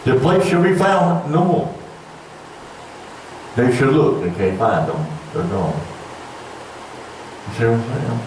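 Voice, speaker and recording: An older preacher delivering a folksy, conversational sermon that swells into emphatic, raised passages. His voice sits at an ordinary pitch for a man. It is heard from a distance in a very echoey church room with a faint hum of room noise behind him. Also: slow, pauses often, darkish tone.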